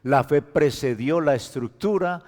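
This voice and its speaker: A man's voice: on the high side, a little slow. Preaching man in a reverberant church hall. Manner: preaching with joking asides to the congregation; swings between loud emphatic lines and soft quiet ones. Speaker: pastor. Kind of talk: Sunday school sermon.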